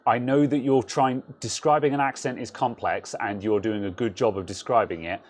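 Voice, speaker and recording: A man's voice: medium pitch, fairly even intonation, normal speed. A British man co-hosting a casual tech talk show, joking and laughing often as he chats with his co-host. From United Kingdom. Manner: jokey, laughs often, slips into silly voices. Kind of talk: casual banter.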